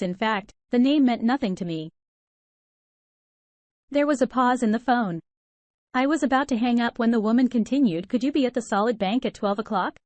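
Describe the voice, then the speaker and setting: A woman reading a first-person story aloud in an even, steady manner without fillers. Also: a little high, no room sound. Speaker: story narrator.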